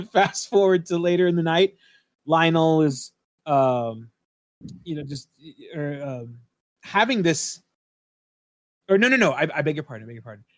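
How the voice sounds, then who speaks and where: A man with a slightly high voice for his sex recaps a film plot on a podcast, energetic and loose, peppered with profanity and ums. The sound is dry and close, with no room echo. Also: measured pace, pauses often. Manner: animated, profane storytelling with fillers. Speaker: podcast co-host. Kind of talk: casual film-review retelling. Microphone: podcast mic.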